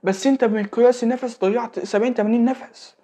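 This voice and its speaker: Steady and mellow yet extremely high in pitch, this fast-talking young man in his late teens gives religious advice in a relaxed way. With an Egyptian Arabic accent, he repeats phrases and checks in with the listener.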